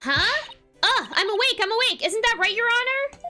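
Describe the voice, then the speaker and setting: Woman as an excitable, bright young lady lawyer. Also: extremely high pitch, quick pace, faint music behind, voice pushed up, exaggerated voice. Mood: startled, flustered. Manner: animated, exclamatory. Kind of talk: video game read-aloud role-play.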